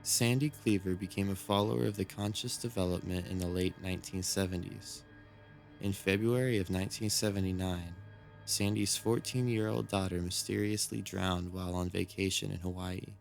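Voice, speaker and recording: A man reads scripted true-crime horror narration in a measured, solemn storytelling manner. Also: deep voice, steady tone, creaky. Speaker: narrator of a creepy mystery series. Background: background music.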